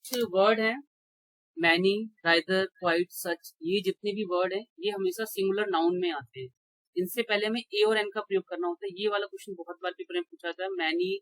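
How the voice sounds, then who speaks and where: A man's voice: sits high, fairly even intonation, brisk, no room sound, low-quality recording. Male teacher explaining grammar rules step by step. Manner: explains step by step, often checks in with students; asks rhetorical questions and answers them. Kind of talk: exam-prep grammar lecture.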